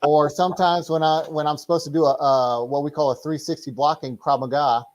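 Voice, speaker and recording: This middle-aged man, a martial arts instructor appearing in an interview, wanders and stumbles through his explanations in a relaxed manner. His pitch runs on the high side with fairly even intonation.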